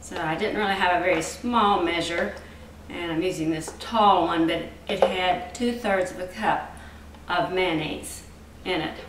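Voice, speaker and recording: A woman's voice: fairly low pitch, unhurried, noisy background. Chatty middle-aged woman in a home kitchen. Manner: chatty, homey step-by-step explaining. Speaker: cooking show host. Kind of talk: home cooking demonstration. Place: home kitchen indoors, garden outdoors. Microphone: far camera. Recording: roomy, distant home video.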